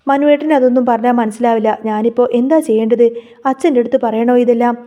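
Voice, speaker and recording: A woman voicing a gentle, tearful young woman in a read-aloud story, speaking softly and pleading. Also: a little high, fairly even intonation, fast, lo-fi sound, lightly acted.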